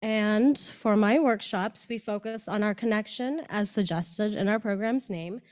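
A woman's voice: medium pitch, measured pace, darkish tone. Young woman from Nepal, student presenter, earnest, a bit hesitant, auditorium stage. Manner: earnest, a little hesitant, with fillers.

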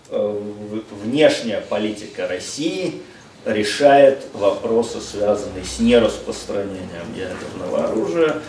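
Seated at a seminar-room table, this visiting lecturer, a middle-aged man whose first language is Russian, speaks in a lowish, darkish voice. His lecture is measured, full of hesitations, with English phrases dropped in. The room echoes, he sits far from a distant mic across the room, and a faint hiss runs underneath.

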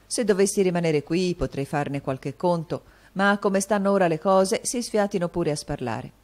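A woman reading an audiobook, voicing a proud, quick-tempered young man who speaks earnestly. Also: lowish voice, a little mellow, pitched above the performer's own voice, natural voice. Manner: earnest, scornful at times.

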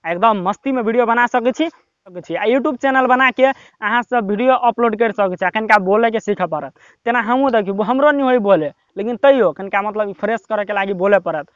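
A young man with a Maithili accent giving casual, rambling, encouraging advice to viewers, with lots of filler words, filmed by his brother in a quiet spot. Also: high voice, fairly quick, clean tone, no room sound, muffled recording. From Nepal. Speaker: YouTube tips vlogger. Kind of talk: casual motivational talk to camera.

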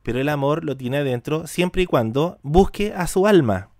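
A man's voice: on the high side, lively intonation, normal speed, a little mellow, dry recording, studio quality. Man giving a spiritual talk. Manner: repeats words for emphasis, asks rhetorical questions. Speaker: teacher of Hebrew mysticism.

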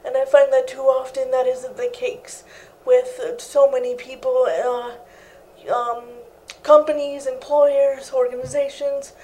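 A woman's voice: sits high, flat delivery, takes it slowly, mellow, rough recording. A young woman guest in an interview, talking earnestly and steadily about her own life in a living room set, on a lapel mic. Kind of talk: interview answers.

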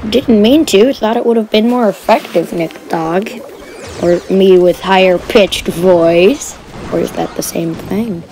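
A woman's voice: mid-range voice, a little slow, warm tone, slight background noise, poor audio. Giggly woman narrating a game. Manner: giggly, chatty. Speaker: gameplay commentator. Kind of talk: casual game commentary, recorded afterwards.

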